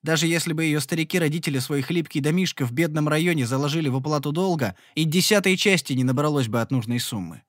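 A man narrating a first-person fantasy audiobook in an expressive, exasperated storytelling manner. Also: a little high, fast, hardly any pauses, no echo, clean studio sound.

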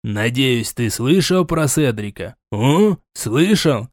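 A man playing a stern older prince, scolding, sighing, sarcastic, mid-pitched, dry sound. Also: lively intonation, takes it slowly, no room sound. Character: stern older male prince, suspicious and weary.

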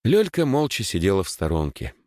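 A man narrating a children's storybook in an expressive, lilting manner. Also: deep voice, brisk, no room sound, clean studio sound.

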